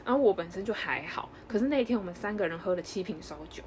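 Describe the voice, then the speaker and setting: Fast-talking young woman telling a story. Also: medium pitch. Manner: animated storyteller, quick, acts out dialogue. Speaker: podcast co-host. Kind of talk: casual chat, storytelling.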